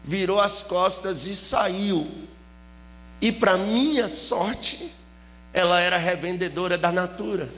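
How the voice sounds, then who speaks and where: A man preaching his personal testimony as a lively story, rising into a chanted, sing-song preaching cadence. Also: high-pitched, slow pace, long reverb tail, slight background noise. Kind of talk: testimony sermon, storytelling with acted dialogue.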